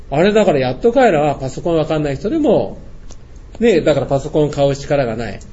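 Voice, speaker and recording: A man's voice: on the high side, warm tone. An older man giving a blunt, scolding lecture-style talk. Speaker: speaker. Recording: dull lo-fi sound with faint noise.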